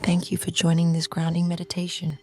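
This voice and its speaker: A woman with a voice on the low side guides a calm grounding meditation. Her speech is slow, soothing, and measured into short phrases, delivered in a soft, breathy half-whisper.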